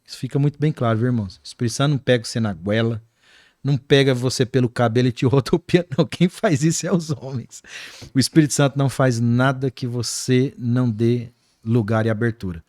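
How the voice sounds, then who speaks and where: A man with a Brazilian accent, a guest pastor talking in an animated, preaching-like way on a podcast. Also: mid-range voice, brisk, no room sound, studio quality. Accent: Brazilian Portuguese. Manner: animated, acts out quoted voices.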